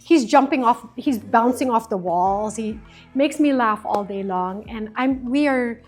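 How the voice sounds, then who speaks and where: A woman in her fifties, an interview guest, telling a story in a casual, animated way and acting out quoted lines while mixing English and Filipino. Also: fairly high pitch, a little slow, soft background music.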